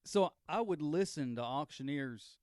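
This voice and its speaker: A man's voice: on the high side, lively intonation, measured pace, darkish tone, no echo, studio quality. A man, a podcast guest and auctioneer, telling stories in an easygoing, joking way. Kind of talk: casual chat. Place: podcast studio.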